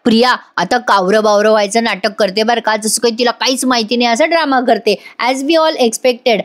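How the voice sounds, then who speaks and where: Woman, chatty voice-over recap, talks to viewers, fairly high voice. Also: normal speed. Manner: chatty, addresses viewers directly. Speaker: serial reviewer.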